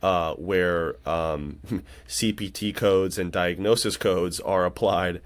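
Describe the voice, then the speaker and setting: A man in his late thirties, with a deep, steady voice, talks slowly as a conversation partner on a podcast. His casual chat comes across as earnest, reflective, and rambling.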